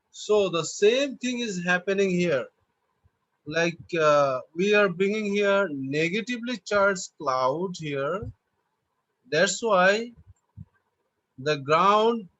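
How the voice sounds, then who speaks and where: A man teaching an online class, explaining slowly and patiently over a video call. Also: sits high, fairly bright tone, no echo. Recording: dull lo-fi online call audio.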